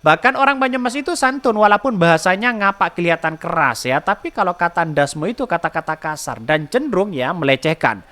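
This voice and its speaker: A man's voice: high-pitched, expressive, a little fast, hardly any pauses, sharp tone. A man hosting a podcast, giving a rambling political commentary full of rhetorical questions and repeated filler tags. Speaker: podcast host.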